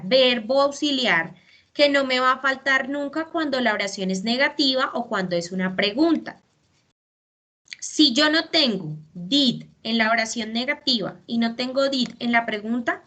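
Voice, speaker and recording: A woman's voice: a little high, bright, forceful tone. A woman English teacher explaining grammar step by step in a patient class.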